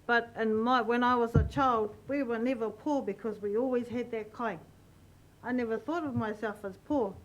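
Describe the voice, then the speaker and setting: A woman addressing a council meeting as a Māori representative, emotional and halting, repeating her phrases. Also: fairly high pitch, dull audio. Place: council chamber.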